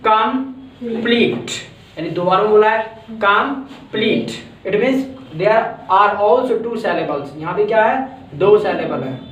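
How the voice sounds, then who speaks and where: A man from India with a fairly high voice teaches a classroom grammar lesson. He patiently repeats each word and sounds it out syllable by syllable. The voice is picked up from a distance in a very echoey room and sounds dull and lo-fi. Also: a little hiss or hum. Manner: patient, repeats words and breaks them into syllables. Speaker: English teacher. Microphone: far from the mic.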